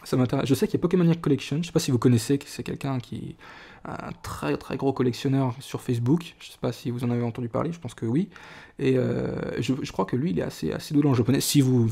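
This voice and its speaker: A young man talks casually to his viewers while he opens cards. His voice is mellow and sits at a middle pitch. He chats loosely, with many fillers and restarts. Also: fast talker, vocal fry, husky. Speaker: card collector vlogger. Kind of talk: casual card-opening video.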